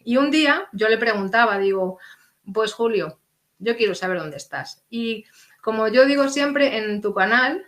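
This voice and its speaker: A woman's voice: fairly high pitch, measured pace. A middle-aged woman, earnestly telling a personal story as an interview guest and acting out the dialogue. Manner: earnest, animated, acts out quoted dialogue.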